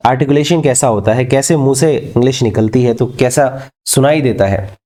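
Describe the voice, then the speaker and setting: A man teaches an exam-prep literature class in a mellow, dark voice at an ordinary pitch. He mixes Hindi with English, poses questions and answers them himself, and slows right down to dictate English lines. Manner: asks and answers his own questions.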